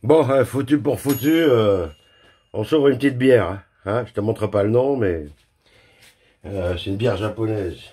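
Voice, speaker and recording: A man's low, mellow voice moves a little slowly as he films a cooking vlog at home in his kitchen. Talking directly to the viewer while working, he's jokey and self-mocking about his mistakes, with plenty of crude swearing.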